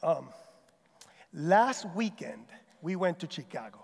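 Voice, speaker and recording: A middle-aged man from Puerto Rico with a Puerto Rican accent, giving an animated chapel talk with stories and self-deprecating humor. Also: a little high, slow, gravelly. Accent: Puerto Rican Spanish. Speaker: chapel speaker. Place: large stage in an auditorium. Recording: long hall reverb.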